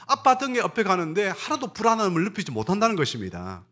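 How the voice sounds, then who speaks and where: A man preaching as a pastor, telling stories in an animated way and putting questions to his congregation. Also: high voice, quick pace. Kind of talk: sermon.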